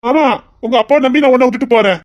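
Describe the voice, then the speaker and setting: In an amateur romantic drama, a woman with a high-pitched, natural voice plays a young man courting his sweetheart, speaking at a racing pace with a lilt. The lo-fi recording captures her shifting from teasing to softly tender.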